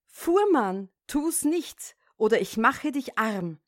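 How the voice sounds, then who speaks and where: A small, vengeful sparrow, put on by a woman reading a fairy tale jeers in a raised, sharp voice. The delivery is slow and deliberate, pitched fairly high. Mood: angry. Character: vengeful defiant little sparrow.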